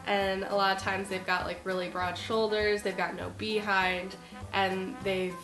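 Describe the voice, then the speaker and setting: A woman's voice: medium pitch, flat delivery, unhurried. A woman with a stuffy nose from a cold, chatting casually and rambling in a vlog about horses. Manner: chatty, rambling with frequent ums and likes. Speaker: horse vlogger. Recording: echoey room with music behind. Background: music playing.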